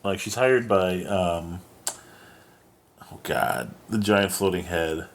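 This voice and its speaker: A man with a lowish voice chats loosely as a podcast host. He rambles, swears casually and often trails off mid-thought. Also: slow pace. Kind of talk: casual chat.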